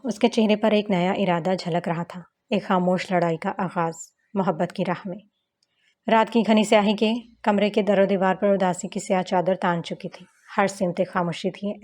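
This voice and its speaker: A woman's voice: mid-range voice, darkish tone. A woman narrating a romance audiobook novel in a flowing, dramatic reading style with occasional stumbles.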